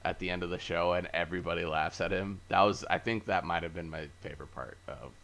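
Deep-voiced, bright-toned man recapping casually. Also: fast talker, slight background noise. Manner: rambling recap full of fillers; easygoing, self-correcting. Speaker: podcast host. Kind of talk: casual chat.

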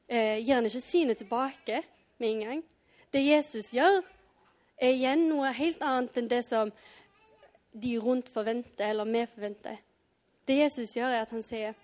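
Woman giving a casual little sermon, a bit high, chatty, acts stuff out. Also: a little mellow. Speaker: preacher. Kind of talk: informal devotional talk.

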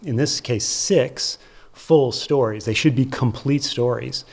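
Speaking slowly in a creaky, medium-pitched voice, an American theater festival producer and curator gives explanatory answers as an interview guest. His tone is conversational, and he emphasizes points by repeating short phrases.

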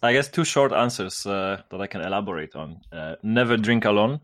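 Casual male guest, Polish accent, lower voice, dry close sound, translates in his head as he talks. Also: fairly quick, a bit bright, dry recording. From Poland. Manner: translating in head, searching for English words. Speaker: podcast guest. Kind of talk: casual chat.

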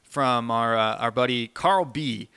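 Bright, clear-voiced male podcast host. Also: mid-range voice, a little slow, no echo. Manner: loose, rambling, lots of fillers. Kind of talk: casual podcast chat.

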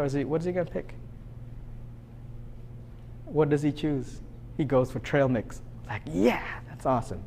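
A man in his thirties preaching a sermon, swinging between loud excitement and quiet reflection. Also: a little high. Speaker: pastor.

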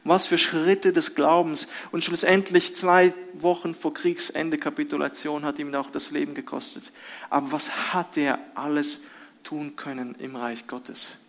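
A man preaching a sermon in an earnest, exhorting way, rising loud on a point and dropping quiet when he cites scripture. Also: on the high side, little pitch movement, a little slow.

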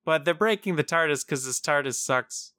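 A man with a fairly high voice banters on a podcast, egging the others on. The recording is dry and close. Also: normal speed, sharp tone, no room sound. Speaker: podcast co-host. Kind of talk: casual chat.

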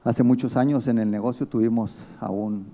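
A man's voice: mid-range voice, steady tone, moderate pace, mellow, lo-fi sound. A man with a Mexican accent preaching a sermon as pastor, telling stories and acting out the people he quotes. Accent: Mexican Spanish.

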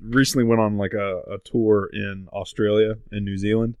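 A man's voice: on the low side, little pitch movement, moderate pace, a little mellow, clean tone, no room sound. A man chatting casually, telling a story in a rambling way with many fillers. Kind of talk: casual chat.

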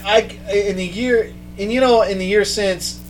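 A man hosting a casual chat, telling a story with mounting excitement. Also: high voice, moderate pace, a little hiss or hum, low-quality recording. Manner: excited storytelling, quoting others in raised voice. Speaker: podcast host.

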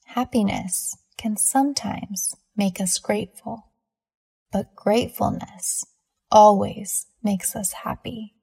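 With a warm, slightly rough medium-pitched voice marked by vocal fry, a woman reads a scripted guided meditation. She keeps a calm, measured pace and pauses deliberately between phrases.

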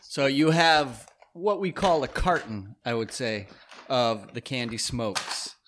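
A man's voice: mid-range voice, takes it slowly, a bit bright, a little hiss or hum. A man hosting a casual chat, joking with mock-serious banter. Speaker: host.

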